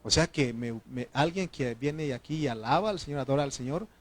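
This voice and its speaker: A man with a Mexican Spanish accent preaching a sermon as pastor, animated and shouting at times, calling his congregation "brothers" and asking them to answer "amen". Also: medium pitch, brisk. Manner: addresses the congregation as brothers, asks yes or no.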